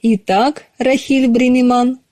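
A woman's voice: high-pitched, little pitch movement, takes it slowly, a little mellow, dry recording, voice pushed up. A woman reading the lines of a playful male suitor in a hammed-up Irish accent, within an audiobook. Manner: exaggerated Irish accent, teasing.

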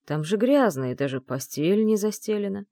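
A woman voicing a kind, aging male servant in a storybook, speaking gently. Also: mid-range voice, lively intonation, moderate pace, no room sound, clean studio sound, pitched above the performer's own voice, close to an everyday voice. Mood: gentle.

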